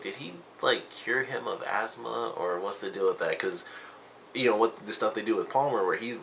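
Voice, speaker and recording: Low bright-toned guy chatting loosely about a tv episode, lots of you know and like. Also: a little hiss or hum, poor audio. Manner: rambling, full of "you know" and "like". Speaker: TV episode reviewer. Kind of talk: casual spoken review.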